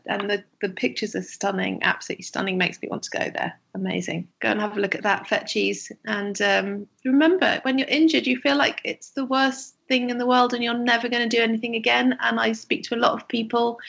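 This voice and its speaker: A woman co-hosts a casual podcast. Her voice is husky and has a gravelly fry, pitched a bit high. She sounds encouraging and laughs lightly now and then. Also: a bit bright. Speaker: podcast co-host.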